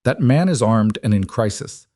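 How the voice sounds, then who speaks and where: A man voicing a stern male security captain who shouts orders at a crowd. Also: lowish voice, animated, normal speed, no room sound, clean studio sound. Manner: shouting commands.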